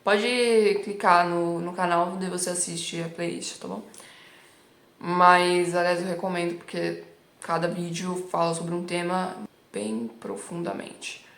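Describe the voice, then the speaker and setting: A woman's voice: fairly low pitch, flat delivery, measured pace, fairly bright tone, reverberant. A woman from Milan, a native Italian speaker with a Milanese accent, teaching in a chatty, casual way and checking in with her students often. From Milan, Italy. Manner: chatty, keeps checking in with "tá bom?". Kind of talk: casual online lesson.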